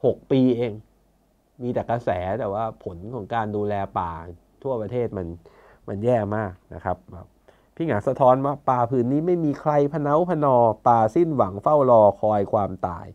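A man's voice: medium pitch, a little mellow, muffled recording. A man chairing a conservation foundation, talking in a casual storytelling way, blunt and colloquial, now and then acting out other people's words. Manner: colloquial, blunt, acts out quoted officials.

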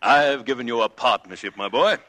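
An actor playing a generous, fatherly old judge in a 1940s radio drama, booming and jovial. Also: fairly quick, sharp tone, close to an everyday voice.

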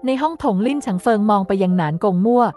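A woman narrating a translated historical novel in a steady, even reading voice. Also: on the high side, fast talker. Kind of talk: scripted narration. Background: faint background music.

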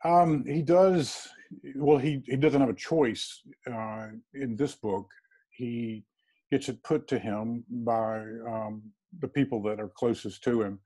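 A man in his fifties, a crime fiction author and guest, talking casually on a video call through an earbud headset, thoughtful and halting with many pauses and restarts. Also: mid-range voice, fairly even intonation, mellow. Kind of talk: casual interview conversation. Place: small room at home, plain wall.

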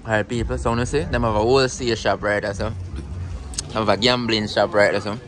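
A young Jamaican food vlogger films street food stalls outdoors on a handheld phone, chatting away to his viewers and calling them "people." His voice sits fairly low, with a steady tone, a quick pace and a slightly bright quality.

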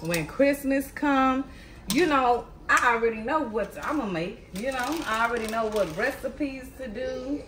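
Her high voice is expressive and a bit bright, and she keeps a measured pace over slight background noise. She is a woman in her thirties hosting a casual cooking vlog from her home kitchen, chatting straight to viewers and calling them y'all and baby.

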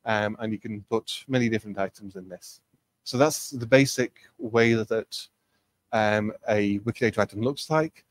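A man's voice: fairly low pitch, normal speed, no echo. A man presenting a technical training webinar, explaining conversationally with frequent ums and uhs.

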